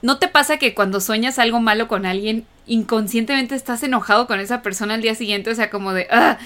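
A woman co-hosting a relaxed podcast conversation. Her voice is a touch high, and she muses aloud, stringing thoughts together with filler words. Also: quick pace. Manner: chatty, thinks aloud with fillers. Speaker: podcast co-host. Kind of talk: casual podcast chat.

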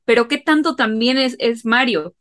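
A woman's voice: a little high, normal speed, fairly bright tone. A woman interviewer asking earnest, searching questions in a conversational interview.

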